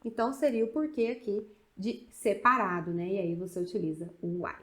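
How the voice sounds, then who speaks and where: A woman with a Brazilian accent teaching an English video lesson, chatty, and slowing down to pronounce English examples. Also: medium pitch, steady tone, a bit bright.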